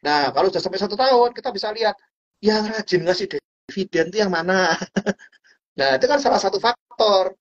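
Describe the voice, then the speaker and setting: A man explaining stock trading in casual chat, animated and playful, acting out little scenes with sound effects. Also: high-pitched, a little fast, muffled recording. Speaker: stock trading guest speaker.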